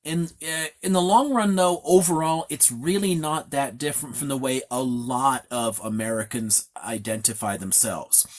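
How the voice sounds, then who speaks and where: A man hosting a live online chat, answering a guest at length in a rambling way, with many restarts and fillers. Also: mid-range voice. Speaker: host. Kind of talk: casual live-stream chat.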